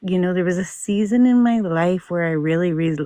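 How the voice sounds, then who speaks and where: A woman's voice: fairly low pitch, moderate pace, warm tone, no echo. Female participant, reflective and earnest, casual personal storytelling, close dry recording. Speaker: discussion participant.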